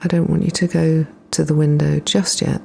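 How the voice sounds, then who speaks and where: Her voice sits low and barely moves in pitch as she leads a guided meditation, soft and breathy, often almost a whisper. The woman instructs gently and soothingly with slow pauses, over a faint hiss or hum.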